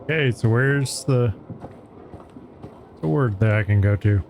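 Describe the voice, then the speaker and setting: A man's voice: medium pitch, takes it slowly, darkish tone, faint music behind. A man casually commenting while playing a role-playing game, chatty and wry. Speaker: player. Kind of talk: casual let's-play commentary.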